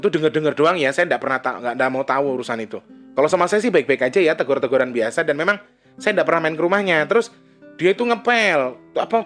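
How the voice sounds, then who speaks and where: A man's voice: on the high side, a bit bright. A man talking in a casual vlog monologue, rambling and correcting himself as he goes. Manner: rambling, with frequent restarts and self-corrections. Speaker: vlogger.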